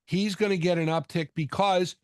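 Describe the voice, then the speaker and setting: A man's voice: high voice, steady tone, normal speed, clear, resonant tone, no echo, clean studio sound. A man co-hosting a fantasy football show in casual sports talk, rambling and often stumbling over and repeating words.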